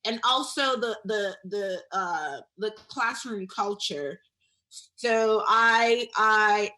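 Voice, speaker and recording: Young adult woman from Nigeria, interview guest; slow, hesitant, bright tone. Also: mid-range voice. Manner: hesitant, many fillers and restarts, laughs often. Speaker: guest artist. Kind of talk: casual interview chat.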